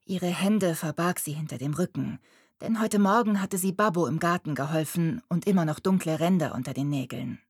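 A woman narrating a children's audiobook in a calm, even storytelling manner, recorded close on a studio microphone. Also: lowish voice, moderate pace, breathy edge, no room sound.

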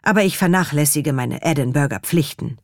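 A woman voicing a cheerful, teasing young man with a lively questioning tone, in an audiobook reading. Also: deep voice, a little fast, no room sound, clean studio sound.

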